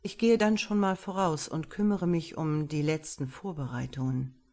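A woman's voice: deep voice, fairly even intonation, normal speed, mellow. A woman reading an audiobook, voicing a courteous, formal male academic who welcomes guests. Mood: polite.

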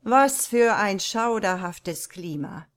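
A woman reading the part of an unflappable American diplomat with dry wit. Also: medium pitch. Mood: dry, calm. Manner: calm, dry, unhurried. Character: calm dry-witted American diplomat man.

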